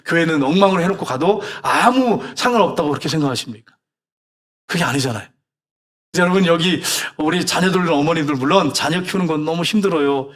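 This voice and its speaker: A middle-aged male pastor preaching a sermon, exhorting the congregation with scolding rhetorical questions. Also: fairly high pitch.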